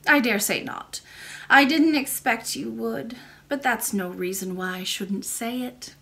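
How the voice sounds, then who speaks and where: A woman plays an ancient, kindly, enigmatic royal great-great-grandmother from a storybook, her fairly high voice carrying a gravelly edge. The delivery is calm, measured and patient, with a quiet, gentle assurance.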